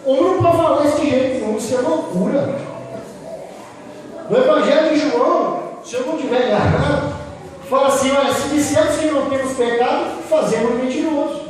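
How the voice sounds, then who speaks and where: High-voiced preacher in echoey hall. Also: male voice, a little mellow. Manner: impassioned, rhetorical questions to the congregation. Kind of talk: sermon. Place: church hall. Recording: echoey hall, distant mic, faint noise.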